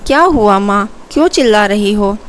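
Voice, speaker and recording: A woman's voice: medium pitch, normal speed, slight background noise, lightly acted. A woman reading as a worried young son. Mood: concerned. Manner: concerned, calming.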